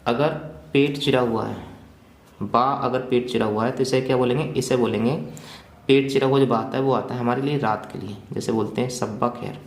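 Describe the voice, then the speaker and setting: A man's voice: medium pitch, fairly even intonation, normal speed. Man drilling a grammar lesson, echoey room. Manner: repetitive question-and-answer drilling, explaining while writing. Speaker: teacher. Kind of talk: Hindi grammar lesson for exam prep.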